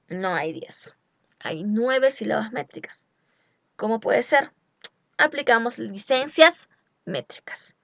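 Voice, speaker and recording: A woman teacher explaining poetic meter in a recorded lecture, speaking slowly and deliberately and asking rhetorical questions. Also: fairly high pitch, creaky, a bit bright, no room sound. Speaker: literature teacher.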